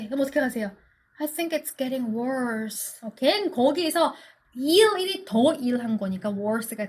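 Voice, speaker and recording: A woman giving an online English grammar lecture, asking check-in questions and reading English example sentences slowly and carefully. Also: on the high side, breathy edge.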